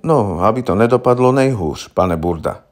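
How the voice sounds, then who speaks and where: An earnest young defense lawyer, read aloud by a man for a storybook audiobook. He speaks formally and patiently, in a somewhat low voice, a little naive in his seriousness. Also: animated, lightly acted.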